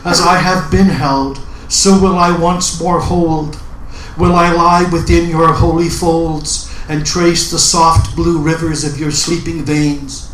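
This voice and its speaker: Measured male poet in a roomy space. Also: fairly high pitch, fairly bright tone. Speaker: poet at an open mic. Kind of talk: spoken introduction and dramatic poetry recital. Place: indoor open mic event room. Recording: roomy live recording with background noise.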